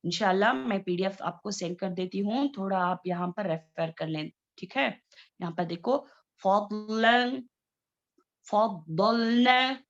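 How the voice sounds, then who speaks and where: A woman teaching Quran recitation in an online class, patiently repeating each word slowly as an example. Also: on the low side, dull audio.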